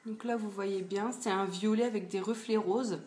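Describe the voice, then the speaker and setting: A woman's voice: medium pitch, fairly even intonation, moderate pace, a little mellow. A woman in her twenties chatting casually about her purchases in a beauty haul video, with lots of fillers. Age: 20s. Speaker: beauty vlogger. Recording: echoey room, faint noise.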